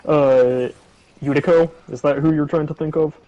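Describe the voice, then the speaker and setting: Over dull, lo-fi voice chat, a man in a co-op game talks casually at a normal speed, his fairly high, mellow voice staying fairly even in intonation. He comes across as blunt, teasing, and foul-mouthed.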